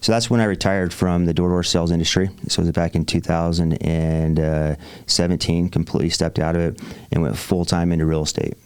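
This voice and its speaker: Guesting on a podcast, a real estate investor in his forties recounts his story enthusiastically, using plenty of fillers. He speaks fairly quickly in a low, smooth, darkish voice with little pitch movement, and there's no echo.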